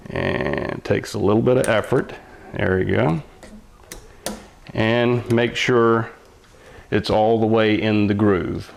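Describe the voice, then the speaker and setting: Older machinist patiently explaining. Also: male voice, fairly low pitch, fairly even intonation, slow, vocal fry, long pauses, a little hiss or hum. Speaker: mechanic giving instruction. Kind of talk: hands-on how-to explanation.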